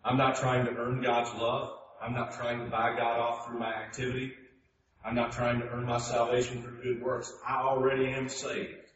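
Brief: male preacher, mid-pitched, swings from hushed to loud emphasis; echoey hall, distant mic. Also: monotone, normal speed. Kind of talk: sermon. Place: church sanctuary. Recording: echoey hall, distant mic, dull sound, faint noise.

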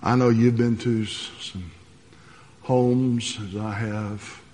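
A man preaching a sermon, earnest, alternating between soft passages and rising emphasis. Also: lowish voice, steady tone, slow, big-room sound. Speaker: pastor.

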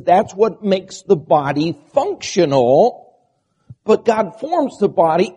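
A man's voice: high voice, warm tone, breathy edge. A man preaching a sermon with a strained, quavering voice that bleats like a goat, using rhetorical questions and repeated lists. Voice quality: strained, quavering, bleating voice from a vocal disorder (spasmodic dysphonia). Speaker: preacher and church pastor.

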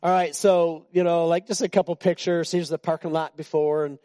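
His voice is a little high, dark and clean, delivered flatly at a moderate pace with no echo. He is a pastor in his sixties giving his church an informal sermon, joking with the congregation and often restarting sentences.

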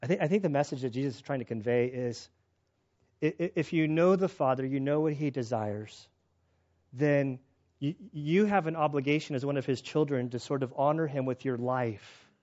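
A man's voice: mid-range voice, normal speed, a little mellow, highs cut off. A man preaching a sermon in a conversational way, mixing Scripture reading with stories and restarts. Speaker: pastor.

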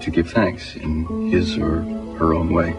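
An actor playing a calm astronaut who speaks over a crackling space radio link, measured and formal. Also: male voice, low-pitched, far from the mic, loud music behind the voice. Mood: solemn. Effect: crackling space radio transmission. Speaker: astronaut radioing mission control. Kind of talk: film drama. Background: loud film score.

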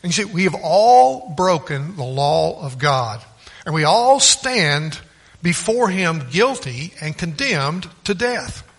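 Brief: male preacher, sermon delivery, slow and deliberate, lightly raised pitch, driving home points by repeating them. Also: sing-song, husky. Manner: emphatic, repetitive, storytelling.

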